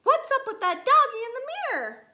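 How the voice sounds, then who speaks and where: A woman voicing an excitable little kitty boy from a children's storybook, theatrical and exclaiming, with drawn-out words. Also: very high-pitched, voice pushed up, exaggerated voice. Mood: amazed. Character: excitable little Siamese kitty boy playing a space-bound Chihuahua. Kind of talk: children's storybook read-aloud.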